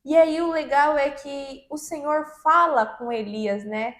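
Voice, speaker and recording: A woman talking through a Bible passage in a relaxed, conversational way. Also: sits high, a little slow, reverberant. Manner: conversational, finishes her co-host's sentences. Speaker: co-host of a Bible reading podcast. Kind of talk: casual Bible commentary.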